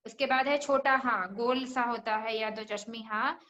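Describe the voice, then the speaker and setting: A woman's voice: fairly high pitch, fairly even intonation, unhurried, bright, forceful tone, reverberant, dull audio. A woman teaching children Quran recitation, patiently repeating each letter sound and asking questions as she goes. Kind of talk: religious lesson for children.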